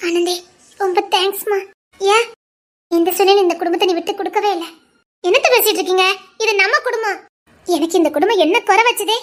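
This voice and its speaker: A woman playing a devoted young wife and sister in a family serial, speaking in an emotional, pleading way with a Tirunelveli Tamil accent. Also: extremely high pitch.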